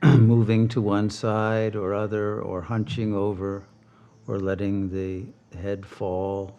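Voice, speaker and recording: In a lo-fi recording, a man leads a guided meditation as the teacher, his fairly low voice calm and measured, with long pauses throughout.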